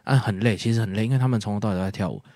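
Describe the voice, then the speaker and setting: A man's voice: fairly low pitch, rapid-fire, darkish tone, dry recording, studio quality. A man, co-hosting a podcast and explaining things in a rambling, casual way full of fillers and restarts. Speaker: podcast co-host. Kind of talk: casual chat.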